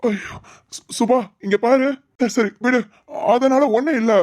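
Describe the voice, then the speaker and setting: A woman's voice: fairly high pitch, steady tone, measured pace, darkish tone, lightly acted. A woman playing an anxious, doting young husband who fusses and teases in a village family drama. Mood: worried. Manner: fussy, coaxing and teasing.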